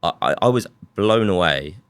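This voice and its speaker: Deep, bright-toned man reflecting. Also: expressive, normal speed, smooth, no echo. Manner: reflective storytelling with many restarts. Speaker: guest, software company co-founder. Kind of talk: casual conversational interview.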